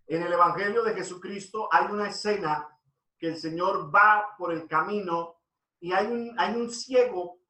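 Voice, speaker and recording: A man's voice: high-pitched, sharp tone, roomy sound, far from the mic, poor audio. A man preaching an earnest devotional sermon, his voice rising when he quotes scripture.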